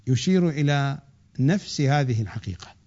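A man giving a religious lecture, swinging from loud drawn-out emphasis to quick low asides. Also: lively intonation. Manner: rising to emphatic peaks, then dropping low and rushing; draws out key words slowly. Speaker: preacher. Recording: dull lo-fi recording.

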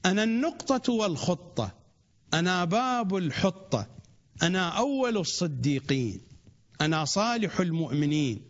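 A man with a high voice recites in a steady, chant-like rhythm, repeating the same opening on line after line. His delivery is measured and devotional. The recording sounds dull and lo-fi. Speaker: religious reciter. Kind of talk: rhythmic recitation of a rhymed sacred text.

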